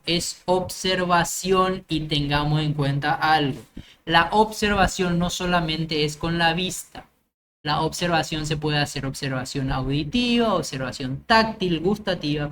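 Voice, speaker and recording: A woman's voice: lowish voice, a little hiss or hum. Woman teacher explaining grammar step by step. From Paraguay. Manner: explains step by step with examples, checks understanding. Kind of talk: grammar lecture.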